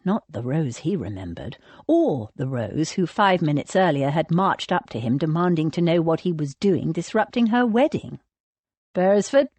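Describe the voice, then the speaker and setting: A woman reads an audiobook in a fairly low voice. Her delivery is animated and expressive, rising and falling freely. The recording is dry and close to the mic. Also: husky, no room sound. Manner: expressive storytelling. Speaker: audiobook narrator. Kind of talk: audiobook narration.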